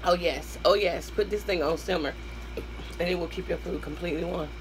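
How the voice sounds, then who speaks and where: This mukbang host, a hoarse woman with a Southern US accent, talks on the low side and fairly quickly as she eats at a table in a small room at home, close to the camera. Between bites she chats casually, addresses viewers as y'all and hums over her food, while traffic hums faintly outside.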